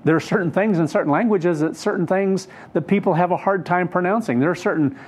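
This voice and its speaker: A man's voice: high voice, a little fast, a little mellow, husky. A man teaching on scripture off the cuff, earnest and rambling, often correcting himself mid-sentence. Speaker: Bible teacher. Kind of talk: unscripted Bible teaching.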